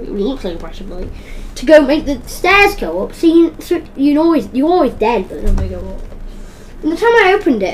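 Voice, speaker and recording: A woman hosting a podcast, chatting casually about a video game in a rambling, excitable way and often correcting herself mid-sentence. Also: a little high, a little hiss or hum. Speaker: podcast host. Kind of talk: casual gaming chat.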